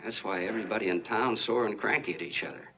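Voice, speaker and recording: A chatty, folksy soda jerk. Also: male voice, fairly low pitch, quick pace, pushed and bright. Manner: rambling, earnest storytelling. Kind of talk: 1940s film acting. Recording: muffled, hissy 1940s film soundtrack.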